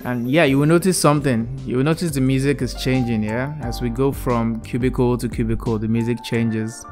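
Talking a little fast at medium pitch, a young man hosts his own channel and walks viewers casually through the VR art gallery he made. He keeps saying "really cool" while wearing a headset indoors, recorded on earbuds over soft background music.

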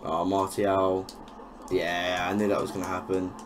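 A man's voice: low-pitched, flat delivery, a little slow. A young man giving casual, frustrated gameplay commentary, swearing and exclaiming over each goal. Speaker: gaming YouTuber.

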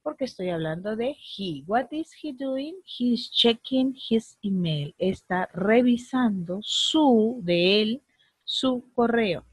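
Slow, husky woman teacher. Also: a little high, expressive, no room sound, low-quality recording. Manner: slow, patient explaining with drawn-out English examples. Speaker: English teacher. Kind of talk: online class lesson.

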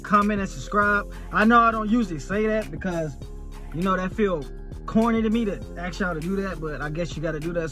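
A man in his thirties with a high, bright voice talks casually to his phone camera. He uses plenty of slang and curses, sitting inside a parked truck. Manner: slangy, swearing freely. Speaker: food challenge vlogger.

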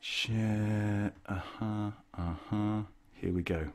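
A man's voice: on the low side, steady tone, extremely slow. A man leading a community choir rehearsal over a video call, chatty and self-deprecating. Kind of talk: casual online choir rehearsal talk. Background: guitar playing.

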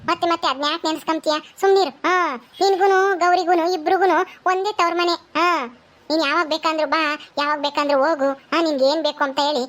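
A woman voicing a caring, firm older village sister-in-law who gently scolds and reassures. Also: very high-pitched, steady tone, fast. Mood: reassuring.

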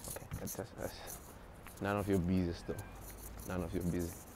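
Low-voiced and level in tone, this young man talks fairly quickly in a casual selfie vlog full of joking, swaggering, self-mocking street slang. He moves between city streets and a shop, phone held from below and a wired earphone mic picking him up over loud traffic.

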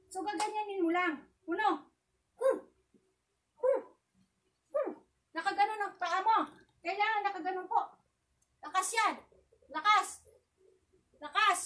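A woman with a very high, bright and sharp voice, out of breath as she leads a casual self-defense drill. She chats, laughs easily and barks out counted shouts. Her voice sounds distant from the mic. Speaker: self-defense tutorial vlogger.

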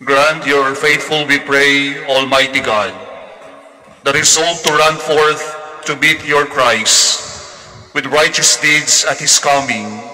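A young Filipino man, a priest, leading Mass prayers in a measured, solemn way at a lectern microphone in a large church. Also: medium pitch, steady tone, pushed and bright. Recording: long church reverb.

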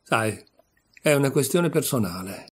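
A man voicing a timid, loyal young waitress who speaks softly and pleadingly in a story reading. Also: medium pitch, animated, unhurried, husky. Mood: earnest.

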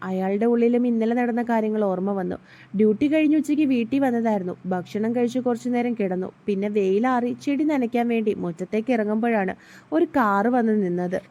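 A woman reading a family drama aloud as a storybook narrator, shifting her voice for the dialogue. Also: fairly high pitch. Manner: reads all parts herself, lively shifts for dialogue.

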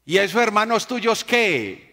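Preacher guy doing a loud deaf old man on a bus, high and booming, big hall echo. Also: big pitch swings, unhurried, exaggerated voice. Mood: booming, curious. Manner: booming, nosy questions.

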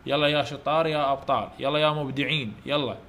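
A man's voice: medium pitch, fairly even intonation, quick pace, a bit bright, slight background noise. A man with an Iraqi Arabic accent teaching English letters to children in an online lesson, coaxing them to repeat and praising them often. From Iraq.

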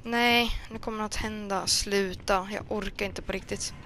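A woman's voice: mid-range voice, fairly even intonation, fairly bright tone, soft background music. A woman hosting a gaming channel, giving casual let's play commentary while jumpy and easily scared, talking to the game characters as she plays.

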